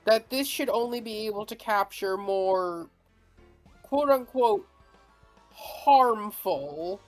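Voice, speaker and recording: A woman's voice: medium pitch, expressive, takes it slowly, faint music behind, poor audio. A woman running a tabletop role-playing game, thinking aloud and rephrasing as she describes things. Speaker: game master.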